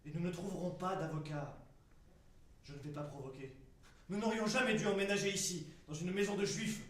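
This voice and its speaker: A man's voice: sits high, fairly quick, lightly acted. A man playing a fearful, defensive householder. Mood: tense. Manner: tense and fearful, bursts into frantic shouting. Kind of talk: stage acting. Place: theater stage. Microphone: far room mic. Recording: distant stage recording in an echoey theater.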